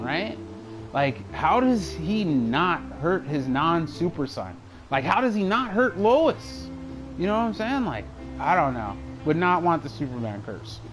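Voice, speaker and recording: A man's voice: high-pitched, low-quality recording. A young man streaming a game, chatting in a rambling, casual way and laughing often. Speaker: live streamer. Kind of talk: casual chat while gaming.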